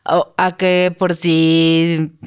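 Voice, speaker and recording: A Mexican woman in her forties co-hosting a podcast, supportive and quick to chime in with agreement. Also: lowish voice, little pitch movement, clean tone. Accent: Mexican Spanish. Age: 40s. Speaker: podcast co-host. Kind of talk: casual conversation.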